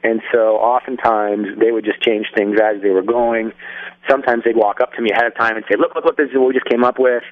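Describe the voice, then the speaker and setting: A young filmmaker answers interview questions over a phone line, thoughtful and full of restarts and fillers. His lowish voice is fairly quick with fairly even intonation, and the phone-line sound is dry.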